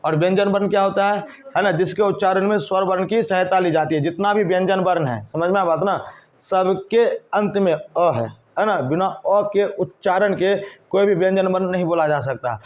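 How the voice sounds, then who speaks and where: High-voiced man teaching grammar, lo-fi. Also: moderate pace. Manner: repeats questions to the class and answers them himself. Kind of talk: whiteboard grammar lesson. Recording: dull lo-fi recording.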